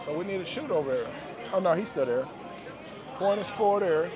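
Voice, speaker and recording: Animated and high-pitched, a gambling vlogger talks at a normal speed against the music and crowd chatter of a busy indoor casino. He walks viewers through his bets with casual, slangy play-by-play, often repeating numbers and phrases.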